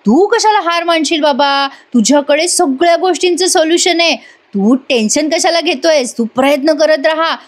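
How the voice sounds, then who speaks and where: A sarcastic young woman with a high, bright voice, stretching her words to mock and needle, as a woman reviewer puts her on. She drawls her jabs slowly and teasingly, pitched above the narrator's own voice. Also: expressive. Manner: mocking, drawn-out teasing.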